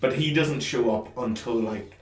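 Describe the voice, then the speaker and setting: A man of middling pitch chats casually as a podcast co-host and swears now and then. He sits a little away from the mic. The room around him sounds echoey. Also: moderate pace, distant mic. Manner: chatty, laughs often, swears casually. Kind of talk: casual gaming chat.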